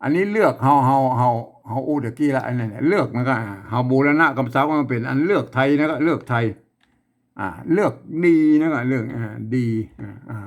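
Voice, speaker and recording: A man teaching a casual spoken lesson, repeating himself and talking with many fillers. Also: mid-range voice. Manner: repetitive, rambling, with many fillers.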